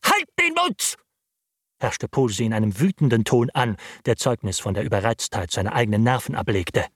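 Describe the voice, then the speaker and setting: A man narrating a classic novel as an audiobook, in a measured, expressive storytelling manner. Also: fairly low pitch, breathy edge, no room sound, studio quality.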